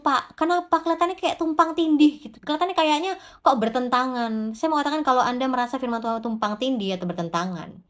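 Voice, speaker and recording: A woman giving an informal devotional sermon, talking straight to the congregation and answering her own rhetorical questions. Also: a little high. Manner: addresses the congregation directly. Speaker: preacher.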